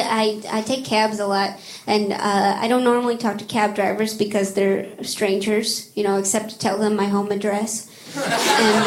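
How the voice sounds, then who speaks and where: A woman doing a stand-up comedy set, rambling and self-deprecating, with halting restarts and crowd work. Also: medium pitch. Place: comedy club stage. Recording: echoey club with loud crowd laughter. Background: audience laughter.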